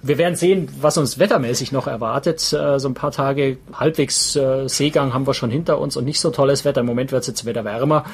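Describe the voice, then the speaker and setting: A man co-hosting a podcast from a ship's cabin at sea, chatting on a video call in a relaxed way, thinking aloud with fillers. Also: medium pitch, fast, few pauses, slightly rough. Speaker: podcast co-host. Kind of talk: casual conversation.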